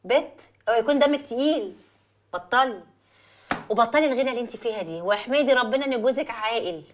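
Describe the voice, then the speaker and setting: An actress as a soothing Egyptian best friend. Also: female voice, a little high, lively intonation, fast, slight background noise, close to an everyday voice. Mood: teasing. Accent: Egyptian Arabic. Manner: teasing, soothing, placating. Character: bride's loyal, level-headed young best friend. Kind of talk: film drama acting. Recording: faint film score behind.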